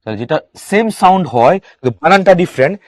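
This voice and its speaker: A man teaching English for exams, asking his students quick questions and answering them himself. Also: high-pitched, lively intonation, a little mellow, no room sound, clean studio sound. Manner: reads English sentences slowly, then explains. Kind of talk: exam-prep grammar lesson.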